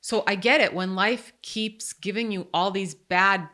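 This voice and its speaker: A woman's voice: mid-range voice, unhurried, sharp tone. A woman in her forties from Croatia hosting a podcast, talking in a candid, self-deprecating and joking way. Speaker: podcast host. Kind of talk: casual podcast chat.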